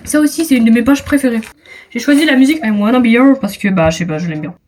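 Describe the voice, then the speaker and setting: A teenage girl with a French accent chats in a high voice, poking fun at herself. She stumbles, restarts and lets sentences trail off. A faint hiss sits under the recording. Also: fast, a little mellow. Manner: self-mocking, hesitant restarts, trailing off. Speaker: vlogger. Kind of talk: casual chat.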